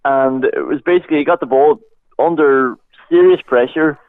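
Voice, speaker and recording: A man's voice: a little high, moderate pace, no echo. Through a narrow phone-like band with a dry sound, an Irish man talks sport as a pundit. His analysis is loose and chatty, full of conversational asides. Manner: conversational, peppered with "like" and "you know".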